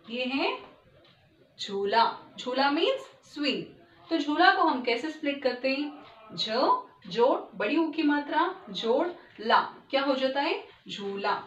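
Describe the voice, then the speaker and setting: High-voiced woman teaching children Hindi letters. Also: a bit bright. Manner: slow, clear syllable-by-syllable spelling, mixing English words. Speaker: primary school teacher. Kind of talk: recorded Hindi lesson for children. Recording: echoey room, distant dull mic.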